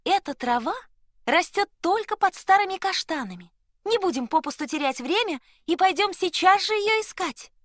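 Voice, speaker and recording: A shrill, kindly goose hen. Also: moderate pace, no room sound, clean studio sound. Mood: reassuring. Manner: calm, reassuring, helpful. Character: kindly wise female goose. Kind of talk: storybook reading.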